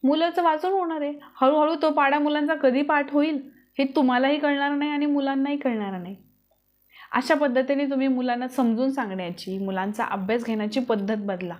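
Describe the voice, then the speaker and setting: A parenting vlogger speaks straight to camera, earnestly offering advice to parents and asking them many rhetorical questions. Her voice is high-pitched, and the audio is dull.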